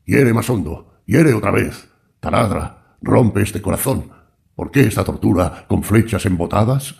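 A man's voice: on the low side, lively intonation, measured pace, gravelly, darkish tone, exaggerated voice. A man voicing a trembling old man who cries out in anguish to an unknown god. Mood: anguished pleading. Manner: anguished pleading, rising cries.

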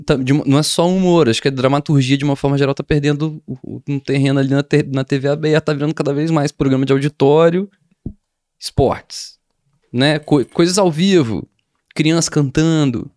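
Um homem com sotaque brasileiro, comediante, numa conversa descontraída, falando com muita gíria e palavrão. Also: male voice, a little high, brisk, no room sound, clean studio sound. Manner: slangy, animated, swearing freely. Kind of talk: casual chat.

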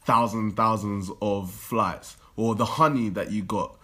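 A young man in a casual debate, explaining his view in a halting, informal way. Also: lowish voice, steady tone, sharp tone.

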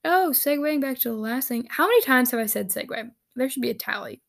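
A woman vlogging on her own, reading answers aloud and reacting with giggles and quick asides. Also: high-pitched, lively intonation, gravelly, a bit bright. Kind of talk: casual solo chat.

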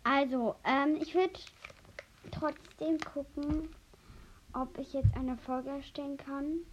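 A woman's voice: sits high, takes it slowly. A young girl co-hosting, talking in a casual, everyday chatting style. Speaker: co-host of a kids' challenge show. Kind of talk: casual chat. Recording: dull, slightly noisy home recording.

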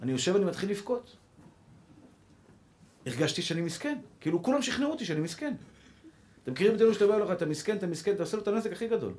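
Giving an impassioned sermon as a rabbi, a man speaks in a high, sing-song, darkish voice with long pauses. He hammers key phrases through repetition and repeatedly calls his congregation brothers.

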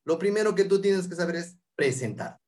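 A man explaining English interview phrases, repeating each one slowly and clearly. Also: high voice, very animated, a little mellow. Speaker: English teacher guest.

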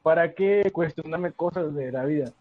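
A man's voice: on the high side, normal speed. A man with a Mexican accent in casual chat, slangy and swearing, saying "güey" nearly every line. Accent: Mexican Spanish. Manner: slangy, says "güey" constantly. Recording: dull lo-fi call audio.

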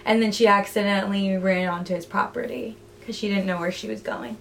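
Young female co-host, lively chatty narrator acting out the quotes; faint noise under the voice. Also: mid-range voice, fairly quick, vocal fry. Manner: chatty, animated storyteller who acts out quotes. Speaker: podcast co-host. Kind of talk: casual chat, retelling a book plot.

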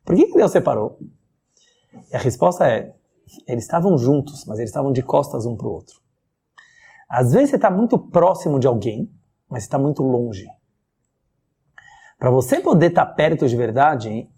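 A man with a Brazilian Portuguese accent gives a spoken religious lesson as a rabbi. His voice is a little husky, and his pitch rises and falls a lot. He keeps asking rhetorical questions and often breaks into a chuckle. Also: animated, normal speed, long pauses, dark tone. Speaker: rabbi teaching a class.

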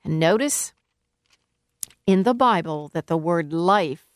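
A woman's voice: lowish voice, lively intonation, takes it slowly, no room sound, studio quality. A woman preaching a sermon in an earnest, emphatic way, working through scripture. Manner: earnest, emphatic, rises to calling out. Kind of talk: sermon teaching.

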